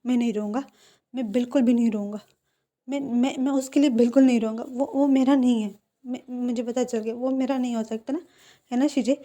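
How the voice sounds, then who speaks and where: A stubborn young man, voiced by a woman, bursts out in stammering, indignant protests, his voice climbing higher and louder than plain narration. He sounds sulky and hurt. The mellow tone makes him soft even while he shouts. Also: fairly quick, natural voice. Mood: tearful. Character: emotional young male omega groom, sulky and stubborn.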